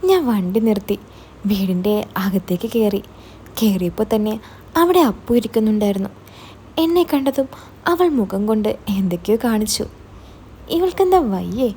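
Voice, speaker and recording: A woman narrating a first-person story in a calm, steady way. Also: medium pitch, a little hiss or hum.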